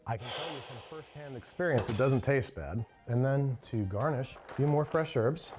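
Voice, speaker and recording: Brief: male cooking host, wry and understated, lively pitch, soft music underneath. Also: moderate pace. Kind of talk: scripted cooking show narration.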